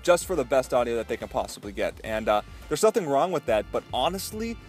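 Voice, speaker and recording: A man's voice: medium pitch, big pitch swings, fast talker, faint music behind. Chatty young man vlogging. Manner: chatty, enthusiastic, many fillers. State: out of breath. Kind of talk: casual vlog talk to camera. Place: echoey basement; outdoors by a stream. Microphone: headphone mic into GoPro; handheld lavalier clip mic.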